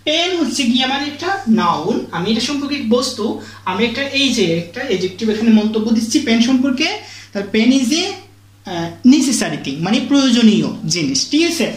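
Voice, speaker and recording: A woman's voice: a little high, sing-song. A woman teaching an English grammar lesson, who keeps asking questions and answering them herself and checks in after each point. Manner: slow, drawn-out English example sentences. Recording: echoey room.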